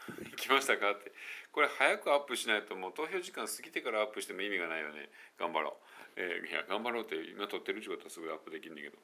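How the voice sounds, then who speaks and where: A man's voice: deep voice, expressive, racing, vocal fry, sharp tone. A man speaking, a pronunciation coach chatting casually, correcting himself and laughing at his own slips, dropping English phrases in as he goes. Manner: mixes English phrases into Japanese talk. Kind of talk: casual monologue video.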